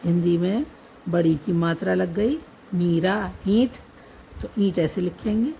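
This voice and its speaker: A woman teaching how to write words in a script, spelling out each letter slowly and repeating the words as she goes. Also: on the low side, creaky, warm tone, a little hiss or hum, poor audio. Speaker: language teacher. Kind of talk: slow step-by-step writing lesson.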